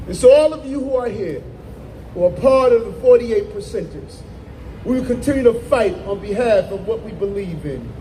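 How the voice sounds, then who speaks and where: A man giving an impassioned public speech as mayor, often shouting with fervor. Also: high voice, expressive, normal speed, slight background noise, rough recording.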